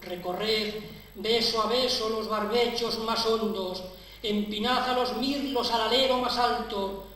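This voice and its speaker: High-voiced man reciting poetry in a hall. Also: steady tone, slow, bright, forceful tone. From La Mancha, Spain. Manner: solemn, impassioned declamation. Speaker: prize-winning poet. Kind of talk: poetry recitation at an awards ceremony. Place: large hall at a public ceremony. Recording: echoey hall, distant mic, faint hiss.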